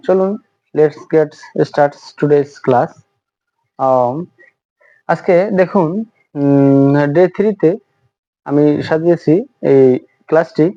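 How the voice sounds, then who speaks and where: Man teaching English slowly. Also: fairly high pitch, warm tone, no echo. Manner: slow, repetitive, lots of 'uh' fillers. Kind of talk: spoken English lesson. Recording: dull lo-fi sound.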